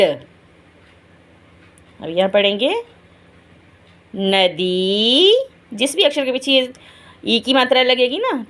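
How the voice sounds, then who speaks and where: With a medium-pitched, fairly bright voice, a woman teaches young children to read Hindi in a primary school lesson. She goes syllable by syllable, sounding out every letter and vowel sign, then says the full word, talking straight to the kids and checking they follow.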